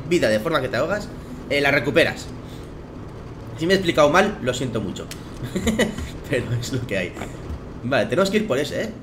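A young man with a Spain Spanish accent, slightly hoarse from just waking, giving excitable let's play commentary full of swearing and laughter. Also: a little high, background noise. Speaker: gaming commentator. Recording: game music behind.

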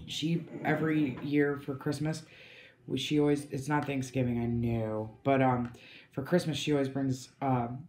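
A woman's voice: a bass voice, steady tone, normal speed, a little mellow, roomy sound. A woman co-hosting a casual podcast chat, loose and jokey, rambling through stories. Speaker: podcast co-host.

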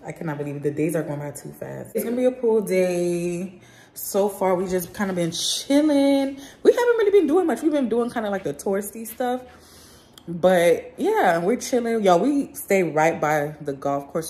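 A young adult travel vlogger chats casually to camera in slangy speech, filming indoors in villa rooms with her phone held at arm's length. Her voice is on the low side with a darkish tone, and the handheld audio is noisy.

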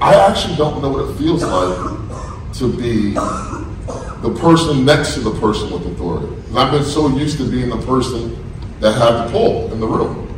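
A man's voice: mid-range voice, noisy background. A middle-aged man giving an emphatic motivational speech in short phrases on a large conference stage, recorded from the audience. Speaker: corporate sales leader speaking on stage. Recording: echoey hall from far off, music behind.

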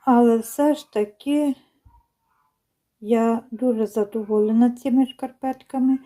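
A woman talks to her viewers from her home in a chatty, unhurried way, pausing on fillers and restarting her sentences. Her voice sits a little high and has a soft, mellow tone. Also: fairly even intonation. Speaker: knitting vlogger. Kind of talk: casual chat to viewers. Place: home, indoors by a window.

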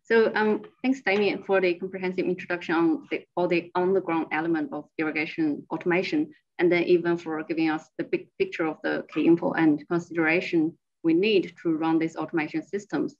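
A woman's voice: lowish voice, fairly even intonation, brisk, few pauses, lo-fi sound. A woman research associate giving a slide presentation over a remote screen-share call, explaining her work step by step.

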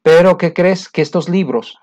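A man's voice: high-pitched, normal speed, darkish tone. A man teaching English in a recorded lesson, going over exercise answers and patiently explaining by repeating words and speaking straight to the learner.

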